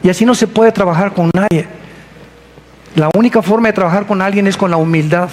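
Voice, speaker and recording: A woman's voice: mid-range voice, a little fast, a little mellow. A woman with a Mexican accent preaching a sermon, acting out the voices she quotes with sudden dramatic leaps. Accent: Mexican Spanish. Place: church service streamed online.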